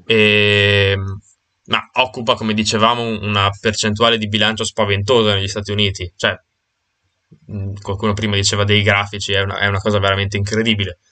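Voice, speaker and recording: A man with a fairly low, bright and forceful voice steers a casual discussion over a video call. He thinks aloud, pausing on fillers and restarting his sentences. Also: level tone.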